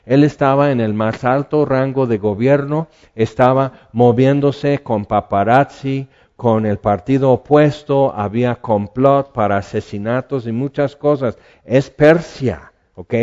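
A man's voice: medium pitch, warm tone, highs cut off. A man preaching a sermon in a conversational way, asking the listeners questions.

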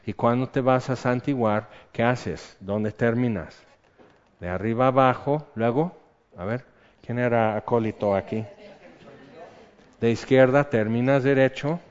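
A man's voice: mid-range voice, measured pace, smooth. Male pastor preaching in a reverberant hall. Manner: conversational preaching, asks the congregation questions. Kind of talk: sermon. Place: church hall. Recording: muffled sound in a reverberant hall.

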